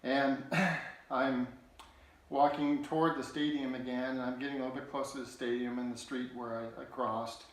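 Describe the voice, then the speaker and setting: A man's voice: medium pitch, little pitch movement. Earnest man telling a story in an echoey room. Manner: halting and earnest, many restarts. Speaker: political candidate. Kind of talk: personal storytelling.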